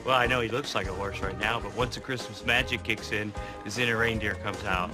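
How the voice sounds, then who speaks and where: An actor playing a playful, excitable man who runs a Santa's workshop, in a film. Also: fairly low pitch, fairly quick, over music, close to an everyday voice. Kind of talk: film acting.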